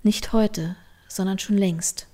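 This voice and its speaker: A woman reading a bedtime story aloud, softly and often in a whisper. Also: mid-range voice, fairly even intonation, slow pace. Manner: soft, often whispered narration.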